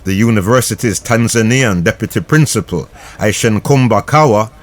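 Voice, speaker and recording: A man narrates a documentary in a measured, formal manner. His voice sits fairly low.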